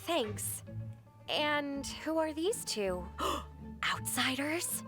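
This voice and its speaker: A sarcastic young agent. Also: female voice, sits high, big pitch swings, very slow, over music, exaggerated voice. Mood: snide. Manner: sarcastic, dismissive. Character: snide young woman agent.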